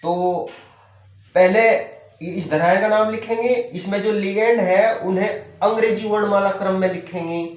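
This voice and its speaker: A man's voice: high voice, steady tone, normal speed. A man teaching chemistry in a patient lecture style, repeating key terms and checking in with his students. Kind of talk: classroom lecture. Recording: echoey room, dull lo-fi sound.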